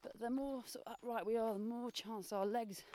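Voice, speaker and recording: Mellow woman coaching while jogging outdoors. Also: fairly high pitch, fairly even intonation. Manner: talking while jogging and brisk walking, encouraging. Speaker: running coach and podcast host. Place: outdoors on hilly paths and forest. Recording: faint outdoor noise and birdsong. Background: outdoor noise, birdsong.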